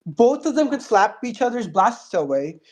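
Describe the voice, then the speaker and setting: A man's voice: very high voice, very animated, moderate pace, a little mellow. A man moderating a heated online debate who talks over others and keeps repeating himself.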